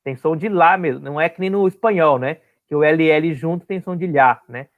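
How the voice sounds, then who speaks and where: A man's voice: a little high, fairly quick, phone-quality sound. A man teaching an online class, explaining step by step and often checking that his students follow.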